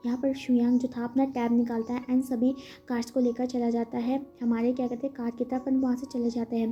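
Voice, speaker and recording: A woman's voice: a little high, level tone, brisk, mellow, highs cut off. A woman casually retelling a story, chatty and full of fillers, mixing in English words.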